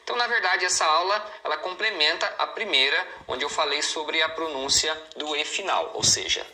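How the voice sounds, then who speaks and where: A Brazilian man teaching English pronunciation in a recorded online lesson, explaining patiently and repeating example words slowly. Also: fairly high pitch, lively intonation, pushed and bright, poor audio. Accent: Brazilian Portuguese.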